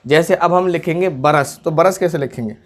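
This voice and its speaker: A man teaching how Urdu letters join, spelling them out slowly and patiently, letter by letter. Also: on the high side. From India. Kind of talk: step-by-step script lesson.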